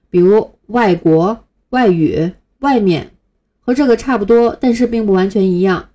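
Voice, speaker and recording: A woman's voice: on the high side, mellow. A woman teaching English letters patiently, step by step, as a scripted online lesson.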